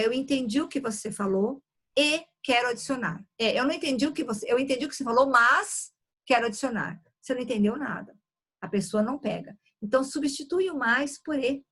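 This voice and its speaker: A woman's voice: on the high side, fairly bright tone, husky. A woman leading a live communication workshop, explaining with examples and frequent check-ins. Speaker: communication trainer.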